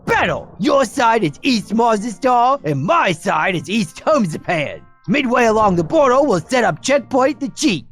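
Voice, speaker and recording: Dim excitable cartoon colonel, booming prize announcer delivery, bombastic, very animated pitch, music behind. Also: male voice, moderate pace, hardly any pauses, heavily acted. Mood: excited, commanding. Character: dim, excitable cartoon athlete turned self-appointed colonel, male. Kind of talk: cartoon game acting.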